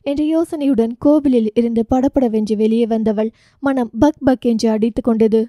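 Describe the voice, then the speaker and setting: A woman's voice: on the high side, fairly even intonation, normal speed, mellow, no echo, studio quality. A woman with a Tamil accent reading a romance audio novel aloud, with emotive storytelling.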